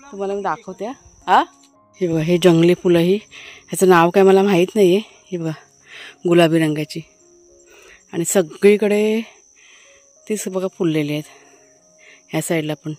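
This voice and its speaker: A woman's voice: medium pitch, steady tone, normal speed, pauses often, no room sound, faint music behind. A woman casually chatting to her viewers while showing a village garden outdoors, with many fillers. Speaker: vlogger. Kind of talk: casual village vlog narration.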